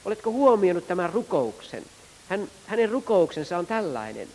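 A man preaching a Pentecostal sermon, moving between quiet, hushed passages and raised, fervent ones. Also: sits high, very animated, big-room sound, slight background noise, rough recording.

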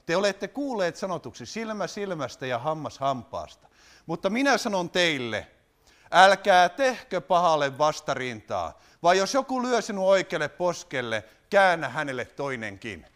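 A man preaching a sermon, animated, putting rhetorical questions to his congregation. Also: on the high side.

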